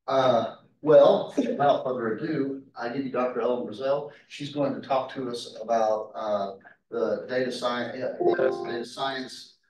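A man's voice: mid-range voice, fairly even intonation, unhurried, music in the background. A man casually hosting a math club session and introducing the next speaker, offhand and full of fillers. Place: classroom. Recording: echoey room, mic far off, faint noise.

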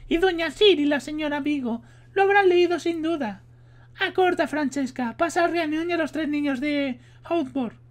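A man from Spain putting on a high falsetto for an impatient sorceress woman who cuts in emphatically. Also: normal speed. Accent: Spain Spanish. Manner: emphatic, clipped.

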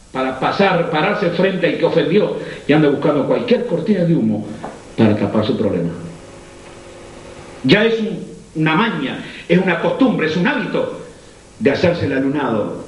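A middle-aged man with a Rioplatense Spanish accent preaching a sermon, swinging between high fervent cries and low intimate tones. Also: darkish tone. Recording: echoey room, faint ambient noise.

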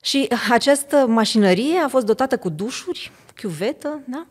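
A middle-aged woman from Romania, a podcast guest, telling stories in a casual chat and often checking in with her listener. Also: fairly high pitch. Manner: animated storyteller, often asks "știi?".

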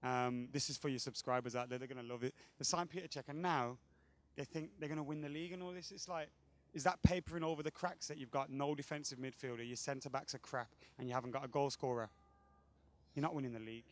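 A man's voice: mid-range voice, fairly even intonation, fast. Blunt, opinionated young male football fan. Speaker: guest football fan pundit. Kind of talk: casual outdoor interview. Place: outdoor car park by a stadium. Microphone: handheld microphone held by interviewer.

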